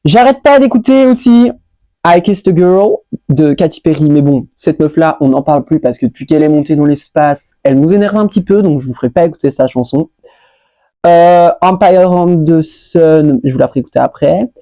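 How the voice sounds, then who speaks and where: Chatty warm-voiced woman vlogger. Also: low voice, animated, normal speed, no room sound. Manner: chatty and scattered, many fillers, drops English words. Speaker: lifestyle vlogger. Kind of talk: casual monthly roundup chat. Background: faint music playing.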